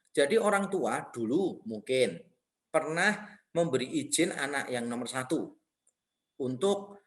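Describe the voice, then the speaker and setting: A middle-aged man from Indonesia, preaching a sermon in a conversational, storytelling way. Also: medium pitch. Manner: conversational, animated storytelling with laughs. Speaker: pastor.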